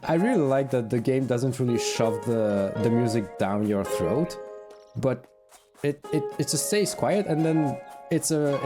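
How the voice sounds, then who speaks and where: A tired man streaming a fantasy game, thinking aloud in relaxed, casual commentary. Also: mid-range voice. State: tired, yawning.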